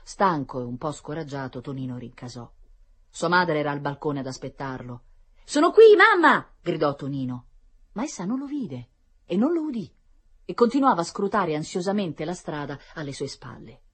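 A woman reading a children's story aloud in an expressive storytelling manner. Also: sits low, normal speed, slightly rough.

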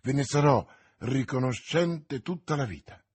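A shy young swordsman speaks with gentle courtesy, read by a man in a husky voice. The lines come out soft and low, like a plain audiobook reading. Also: a little slow, no room sound. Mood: courteous.

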